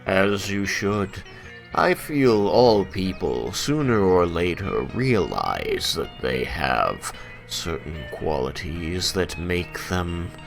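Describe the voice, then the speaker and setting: A man voicing a suave, grandiose fae marquis in a formal, unhurried baritone for a tabletop game. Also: vocal fry, heavily acted. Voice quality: deep baritone. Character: suave grandiose fae marquis, smooth deep-voiced tempter. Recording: music playing behind the voice.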